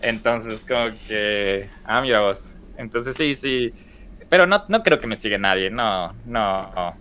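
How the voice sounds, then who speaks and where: A man's voice: fairly low pitch, lively intonation, measured pace, pushed and bright. A young man with an Ecuadorian accent, telling stories casually as a podcast guest and rambling through restarts and fillers. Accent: Ecuadorian Spanish. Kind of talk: casual storytelling in conversation.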